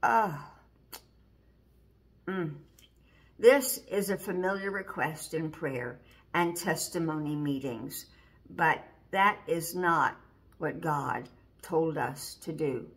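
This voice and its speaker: A woman's voice: low-pitched, slow, long pauses, a bit bright. A woman giving an informal sermon, earnest and repeating key lines, reading scripture aloud. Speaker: Bible teacher.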